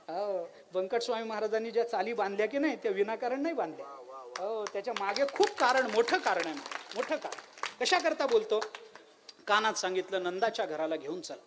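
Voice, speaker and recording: पुरुष कीर्तनकार, प्रश्न विचारत कथा सांगणारा, मधूनच अभंग गाणारा. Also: male voice, high-pitched, brisk, a little hiss or hum. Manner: animated storytelling, rhetorical questions, chanted verses. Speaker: kirtan preacher. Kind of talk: devotional kirtan sermon.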